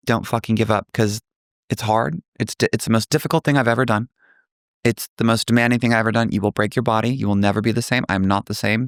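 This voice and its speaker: Man, slightly deep voice, blunt, emphatic, sweary, casual podcast chat, dry sound. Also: dry recording. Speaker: podcast host.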